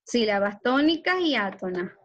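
Woman teacher, patient, explains with examples, higher voice, muffled video-call sound. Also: very animated, normal speed. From Ecuador. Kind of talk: online class lesson.

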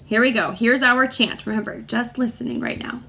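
A woman music teacher leading a children's lesson, speaking slowly and clearly and chanting rhythms for the class to copy. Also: a little high, sharp tone.

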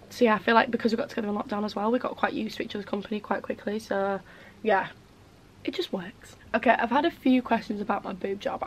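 A beauty vlogger in her twenties talks her way through a get-ready-with-me video indoors in her bedroom, casual and rambling with lots of "like" and "um." Her fairly high voice carries vocal fry, and she is losing it, sounding a bit hoarse.

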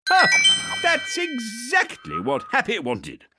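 Slightly high and slow, her voice swings dramatically in pitch. She narrates a kids' game with sing-song encouragement and praise, a scripted script aimed at young children, with the game audio set over loud music.

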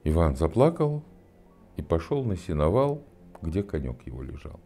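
A man's voice: sits low, big pitch swings, normal speed, mellow, faint music behind. A man in his sixties from Russia, a stage actor reading a fairy tale in rhythmic verse with theatrical delivery. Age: 60s. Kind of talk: storytelling in rhyming verse.

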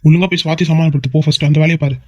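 A man's voice: fairly high pitch, fairly even intonation, racing, darkish tone, no echo, lo-fi sound, close to an everyday voice. A man voicing a bossy young man in a cartoon who scolds his friend. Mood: scolding. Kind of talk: cartoon voice acting.

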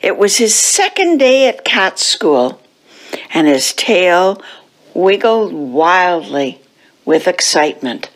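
Slow, animated woman reading a storybook. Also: mid-range voice, poor audio. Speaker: children's story reader at a church service. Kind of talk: reading a picture book aloud to children. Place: church.

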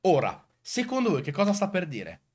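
A man's voice: sits high, huge pitch swings, normal speed, a little mellow, slightly rough. Emphatic man commenting. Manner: emphatic, rhetorical questions to viewers. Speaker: video host. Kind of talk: commentary answering comments on recorded clips.

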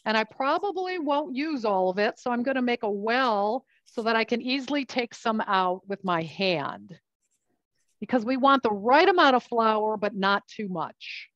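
Chatty woman running a live cooking demonstration, with a fairly high voice, talking through each step as she works the dough. The sound is muffled and dry, with no room echo. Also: animated, normal speed, fairly bright tone. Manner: chatty, explains while working with her hands. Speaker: cooking class instructor.

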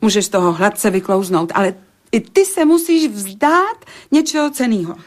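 A woman's voice: medium pitch, animated, natural voice. An actress in a radio play voicing a sceptical woman who teases and bargains in a dry, colloquial way. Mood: bargaining. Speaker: actor in radio drama. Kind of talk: Czech radio play acting.

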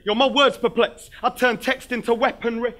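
A man delivers a battle rap verse in a high, piercing register. His tone is bright and edgy, and his rhymed insults come out brash and rapid-fire. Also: fairly even intonation. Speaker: battle rapper. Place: live battle venue.

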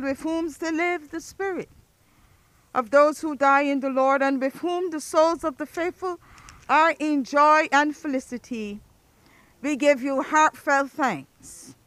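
A woman officiating a burial at a graveside outdoors, reading the funeral liturgy in a measured, solemn recitation. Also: high voice, a bit bright, no echo.

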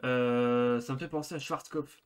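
A man's voice: mid-range voice, steady tone, unhurried. A young man streaming a horror game, reacting in informal, slangy, joking commentary. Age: young adult.

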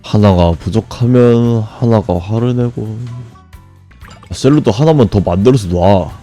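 A man streaming a game, grumbling and swearing at it, then breaking into sudden high shouts. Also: measured pace, faint music behind. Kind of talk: frustrated live gameplay commentary.

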